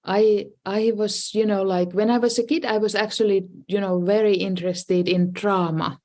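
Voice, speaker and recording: This guest, a design professor and dean from Finland, is a middle-aged woman telling her life story in a casual interview. Her Finnish-accented voice is mid-range and a little mellow, with fairly even intonation and a moderate pace, and her speech is hesitant, full of restarts and "you know, like" fillers.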